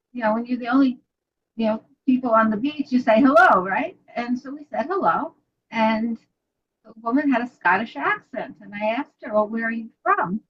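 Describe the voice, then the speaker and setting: Here the older Brooklyn-accented author's voice sits on the high side as she chats about her books, telling stories and laughing often during a casual interview. She's in her home study with bookshelves behind her. Picked up by a video call webcam, the audio is dull and lo-fi with slight hiss or hum.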